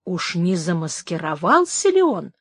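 A woman doing a brisk, eager male priest. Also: on the low side, big pitch swings, husky, no echo, pitched below the performer's own voice, heavily acted. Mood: reassuring. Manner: brisk, raised and reassuring.

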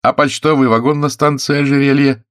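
A man voicing a brisk young male police detective who questions in a pressing, ironic way. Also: medium pitch, lively intonation, fairly bright tone, no room sound, studio quality, pitched above the performer's own voice.

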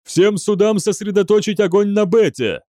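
A man voicing an alarmed male fleet master who shouts urgent orders. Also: mid-range voice, sing-song, moderate pace, dry recording, studio quality, close to an everyday voice. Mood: shouting.

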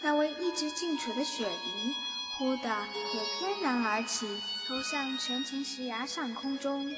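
A woman with a high-pitched voice reads scripted narration for a fantasy radio drama at an unhurried pace. Music plays underneath, and the recording has long reverb.

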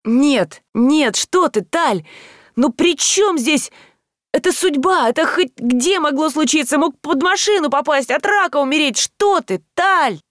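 A woman voicing a teenage girl who pleads urgently to calm a friend. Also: high voice, unhurried, no echo, studio quality, voice pushed up. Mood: pleading.

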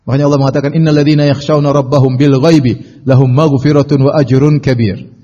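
A man giving a Quran study lecture as a preacher, telling stories in a lively way and calling out the lines he quotes. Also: medium pitch, brisk. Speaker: Islamic preacher. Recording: dull audio with long reverb.

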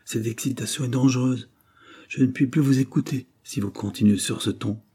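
A man voicing a calm, principled gentleman in an audiobook, measured and restrained. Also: medium pitch, husky, voice pushed up. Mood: firm, calm. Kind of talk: audiobook character reading.

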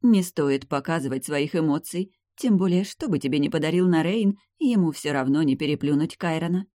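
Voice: medium pitch, brisk, dark tone, no echo, lightly acted. Reader putting on fussy middle-aged mom, gushing, storybook, dry sound. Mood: soothing. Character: doting excitable noble mother, middle-aged.

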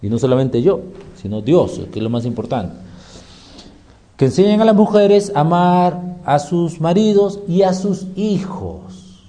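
A man's voice: on the high side, lively intonation, unhurried, mellow. A man preaching a sermon, emphatic, firing rhetorical questions and answering them himself.

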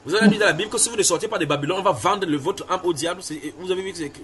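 Speaking very fast in a high voice, a man preaches and reads from the Bible while a crowd can be heard behind him. He is emphatic, repeats his phrases, and puts questions to those listening.

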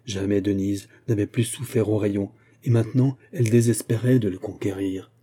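A man narrating a classic novel as an audiobook in a measured, literary way. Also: fairly low pitch, steady tone, mellow, breathy edge.

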